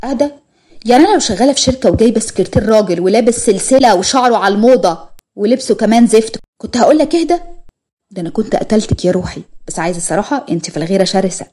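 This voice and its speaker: Jealous young wife read by a woman, Egyptian accent, scolding, mellow husky tone. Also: medium pitch, lively intonation, very fast, lightly acted. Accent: Egyptian Arabic. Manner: scolding, sarcastic.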